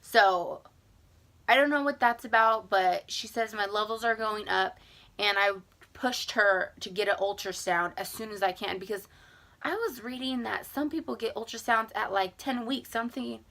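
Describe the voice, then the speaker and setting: Chatty young woman, gravelly edge. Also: on the high side, moderate pace, sharp tone. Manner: chatty, rambling, filler-heavy with many "like"s. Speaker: vlogger. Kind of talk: casual pregnancy update vlog.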